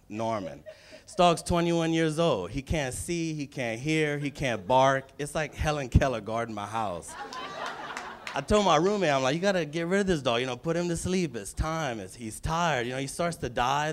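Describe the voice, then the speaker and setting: A man's voice: mid-range voice, fairly bright tone. Guy doing stand-up at a club, brash storytelling, medium voice, into a stage mic. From Louisiana, USA. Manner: brash, storytelling, punchy asides. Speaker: stand-up comedian. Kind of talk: stand-up comedy set.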